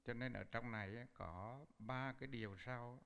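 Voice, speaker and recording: A man's voice: medium pitch, moderate pace, gravelly, clear, resonant tone. A man giving a Buddhist sermon, telling a story and acting out the quoted voices. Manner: animated storyteller, acts out quoted speech. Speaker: Buddhist teacher.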